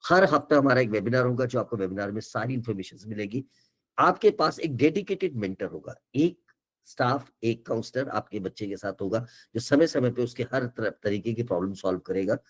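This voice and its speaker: A man's voice: medium pitch, animated, brisk. An older man, an education counsellor giving an earnest, reassuring webinar talk that keeps switching between Hindi and English.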